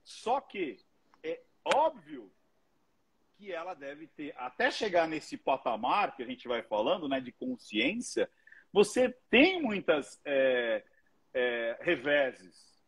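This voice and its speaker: A man tells stories with lively energy and swears casually. His voice sits higher than most men's and has a husky edge. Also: slow pace. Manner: animated storytelling, swears freely. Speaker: guest, oratory teacher. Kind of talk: casual commentary chat.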